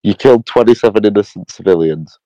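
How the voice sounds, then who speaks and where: Young co-host, dark mellow voice, blunt sweary banter, dry lo-fi recording. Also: male voice, lowish voice, fast, no room sound. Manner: blunt, jokey interjections with swearing. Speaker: podcast co-host. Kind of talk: casual chat. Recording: slightly dull, lo-fi mic.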